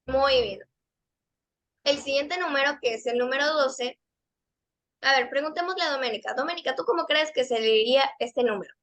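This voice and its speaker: A woman teaching a pronunciation lesson to kids and teens, her voice high and notably bright. She explains patiently, step by step, and repeats each model word several times. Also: normal speed. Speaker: English teacher.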